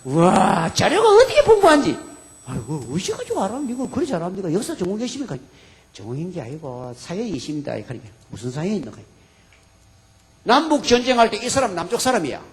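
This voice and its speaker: Brief: a male preacher with a Gyeongsang accent telling a sermon story animatedly, pitched high. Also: wildly swooping pitch, brisk. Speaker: pastor.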